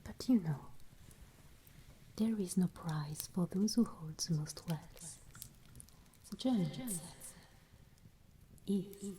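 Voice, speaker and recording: A woman playing a solemn, gently admonishing female Christmas spirit in a whispered ASMR roleplay, telling things in a hushed, storytelling way. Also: on the low side, slow, long pauses, a little hiss or hum, low-quality recording. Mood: reproving.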